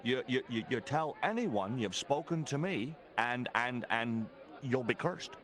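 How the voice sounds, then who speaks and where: A man's voice: mid-range voice, expressive, a little slow, a bit bright. A man voicing a nervous talking goat in a video game, stammering and hesitating in a conspiratorial manner. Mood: conspiratorial, warning.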